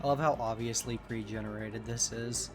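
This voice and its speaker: A man's voice: mid-range voice, steady tone, moderate pace. A man giving casual gameplay commentary as a streamer, candid and swearing a lot. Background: game music.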